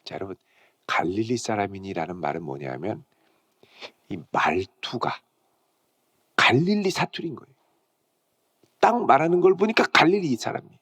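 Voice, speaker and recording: A middle-aged male pastor preaching a morning devotional sermon, dramatic and expressive, dropping to hushed whispers and acting out quoted lines. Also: fairly low pitch, normal speed, long pauses. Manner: acts out quoted lines in character.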